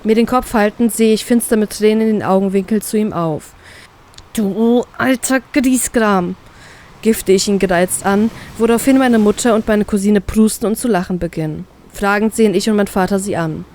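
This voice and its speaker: A woman reading a first-person fan fiction story aloud, expressive and giving the characters' lines their own colour. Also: mid-range voice, a little fast, few pauses, slight background noise.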